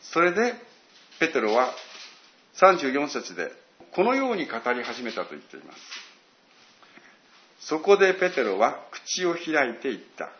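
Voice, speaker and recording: A man's voice: medium pitch, big pitch swings, normal speed, long pauses, roomy sound, dull audio, slight background noise. A man preaching a sermon, telling it like a story with dramatic quoted asides. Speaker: pastor.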